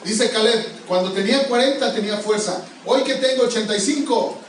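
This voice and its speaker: A man's voice: high-pitched, a little fast, slight background noise. A male pastor preaching a sermon, pressing the congregation with repeated questions. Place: church sanctuary. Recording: echoey church hall, far from mic.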